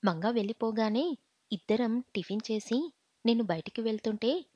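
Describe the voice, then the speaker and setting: A woman narrates a first-person audiobook story in a steady, earnest voice that sits on the higher side. The recording is dry and close, with a slightly dull, muffled tone. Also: moderate pace, husky, dry recording.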